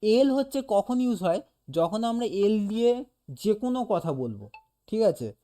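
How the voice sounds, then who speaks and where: Patient tutor, dark mellow tone, talks a student through a lesson and sounds out examples. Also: medium pitch, big pitch swings, normal speed. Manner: explains patiently, demonstrates sounds aloud, keeps checking "okay?". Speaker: animation teacher. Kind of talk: casual one-on-one lesson.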